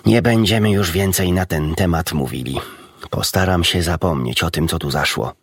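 A man voicing a calm, kindly middle-aged doctor who speaks in a measured, restrained way. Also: low voice, slightly rough, dry recording, studio quality. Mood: weary.

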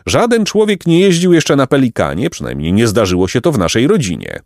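A man's voice: mid-range voice, huge pitch swings, a little fast, a little mellow, dry recording, studio quality, pitched above the performer's own voice. A man doing a pompous shrieking pelican. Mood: courtly. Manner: grandly polite, shrieking. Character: pompous, courtly male pelican, loud and proud. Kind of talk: audiobook character voice.

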